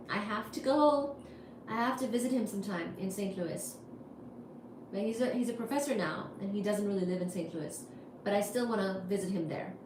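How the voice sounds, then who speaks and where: Chatty woman in an echoey room. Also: mid-range voice. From India. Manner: chatty, wry, answers chat questions. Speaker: livestream host. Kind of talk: casual chat reading viewer comments. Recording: echoey room with faint noise.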